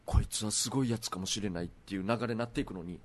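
A man's voice: lowish voice, racing, crowd noise. A man hosting a radio talk show, teasing his younger cohosts and reacting with jokes in a casual chat. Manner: teasing, jokey reactions with dramatic acted quotes.

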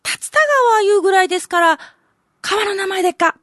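A woman's voice: extremely high pitch, steady tone, brisk, fairly bright tone, dry recording, clean studio sound, voice pushed up. A woman with a Kansai accent voicing a naive, uneducated man in rakugo, eagerly pestering with questions. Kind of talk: rakugo storytelling.

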